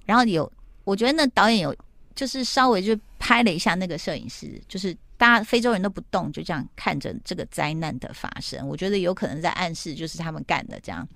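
A woman's voice: fairly low pitch, quick pace, creaky, a bit bright, no room sound, studio quality. A middle-aged woman host in casual chat, animatedly retelling a TV plot and acting out the quotes.

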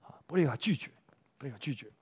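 Lively pastor preaching. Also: male voice, medium pitch, very fast, slightly rough. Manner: lively storytelling with rhetorical questions to the congregation. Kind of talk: sermon. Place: church.

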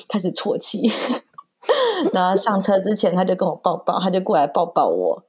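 A woman's voice: lowish voice, very animated, moderate pace, slightly rough. A woman from Taiwan, a mother and podcast guest, telling a family story in casual chat and acting out the voices of her child and herself.

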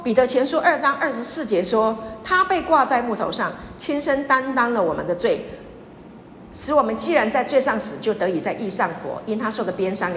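Higher-voiced woman pastor preaching in an echoey hall. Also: a bit bright. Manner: repetitive, emphatic preaching with audience questions. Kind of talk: lively sermon. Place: church sanctuary. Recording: echoey church hall with faint noise.

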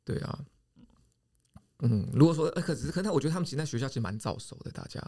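A man's voice: on the high side, expressive, quick pace, darkish tone, no room sound. Reflective man in dry close podcast chat. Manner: reflective, drops short fillers and affirmations.

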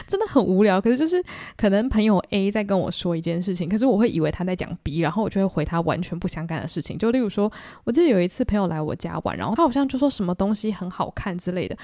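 A young woman from Taiwan with a Taiwanese Mandarin accent, hosting a podcast and telling self-mocking stories in an animated way. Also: medium pitch, fast, no echo, clean studio sound. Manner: animated, self-mocking, acts out quoted lines. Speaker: podcast host. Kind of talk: solo storytelling chat.

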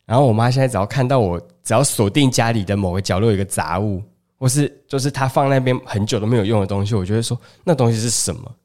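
A man's voice: fairly low pitch, quick pace, a little mellow. A man with a Taiwanese Mandarin accent, co-hosting a podcast in casual chat and telling family stories with acted-out dialogue. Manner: chatty storyteller who acts out family dialogue. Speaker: podcast co-host.

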